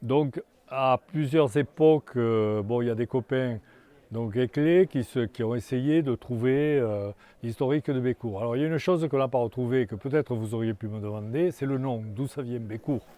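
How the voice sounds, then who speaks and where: Older male guide, mellow low tone, outdoors, stop-start delivery. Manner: halting, many restarts and fillers. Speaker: tour guide. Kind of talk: guided tour talk. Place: outdoors in a hamlet.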